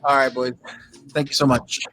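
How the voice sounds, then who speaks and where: A man hosting an online radio show, talking casually in chummy street slang and giving shout-outs. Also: mid-range voice, level tone, normal speed. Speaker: show host.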